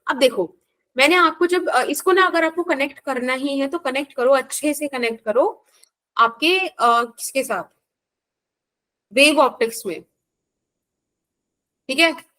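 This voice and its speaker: High-voiced Indian woman teaching physics. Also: measured pace, pauses often, fairly bright tone. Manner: explains patiently, checks in with students by name. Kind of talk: live online class.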